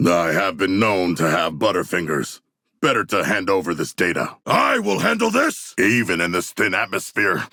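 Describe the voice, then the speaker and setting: A huge shark warrior king for a video game, with a low, gravelly voice. He speaks in stiff, noble, old-fashioned phrases, bloodthirsty but naively earnest, and his pitch swings widely between measured lines and booming declarations. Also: pushed and bright, no room sound, clean studio sound, heavily acted. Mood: commanding, battle-hungry. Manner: formal archaic diction, grandly declarative, naively earnest.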